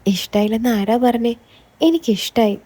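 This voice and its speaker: A woman's voice: on the high side, animated, normal speed, dark tone. Woman reading as a coy teasing young woman. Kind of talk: scripted story reading.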